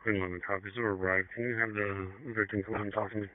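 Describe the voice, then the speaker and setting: A man's voice: lowish voice, little pitch movement, fast talker, narrow, tinny audio, noisy background. A man speaking as a field officer in terse, matter-of-fact police radio calls. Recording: police radio, distant from the mic.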